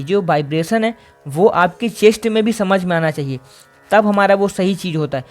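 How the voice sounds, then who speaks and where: A man teaching a singing lesson, explaining vocal exercises patiently step by step. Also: sits high.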